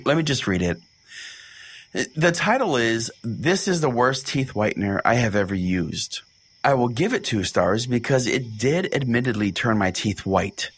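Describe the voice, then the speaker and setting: In a comedic podcast parody, a man voices a clueless, eccentric pastor who hosts and reads aloud with folksy, rambling sincerity that's all an act. His voice is mid-range, husky, and slightly bright.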